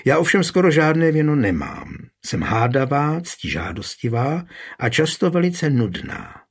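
A man reading the part of a proud, quick-tempered young woman in an audiobook, with a husky voice. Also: fairly high pitch, big pitch swings, voice pushed up, full character voice. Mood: defiant.

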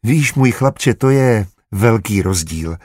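A man voicing a calm, motherly sister in an audiobook, speaking gently but firmly. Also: on the low side, husky, no echo, clean studio sound. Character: caring, motherly adult sister, calm and firm.

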